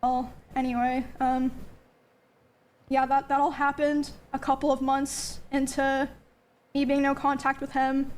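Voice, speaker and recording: High-voiced woman telling a personal account. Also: monotone, unhurried, a little mellow, slight background noise. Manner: hesitant, full of ums and likes. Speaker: streamer recounting personal events. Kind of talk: candid spoken account.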